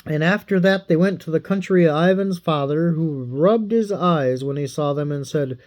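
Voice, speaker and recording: A man reading a fairy tale aloud in a playful, animated way. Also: fairly high pitch, normal speed. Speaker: storyteller.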